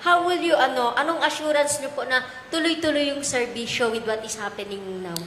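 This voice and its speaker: A woman's voice: high voice, fairly quick, a bit bright. A woman reporter with a Filipino accent politely asking a question, with frequent fillers. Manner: polite, many po and filler words. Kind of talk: press question. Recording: echoey hall with faint noise.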